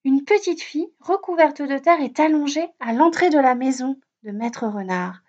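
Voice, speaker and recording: A woman with a high voice reads a children's story aloud, gently and expressively. The recording is dull and lo-fi. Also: expressive, moderate pace.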